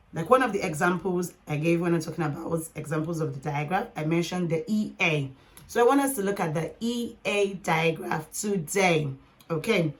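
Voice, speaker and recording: A woman teaching a phonics lesson, patiently sounding out words letter by letter and talking straight to her learners. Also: lowish voice.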